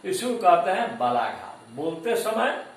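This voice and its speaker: A male lecturer talks slowly through a lesson, repeating each example word so the class catches its stress. His pitch sits a little high and swings widely. The voice is picked up from a distance in a strongly echoing room. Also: sing-song. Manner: slow, deliberate, repeats example words for emphasis. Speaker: teacher education lecturer. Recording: echoey room, voice far from mic.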